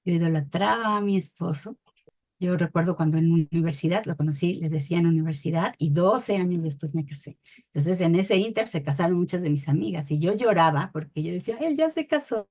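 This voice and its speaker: A middle-aged woman telling her personal faith testimony in a reflective, hesitant way, pausing often with fillers. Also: fairly low pitch, darkish tone. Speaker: testimony speaker.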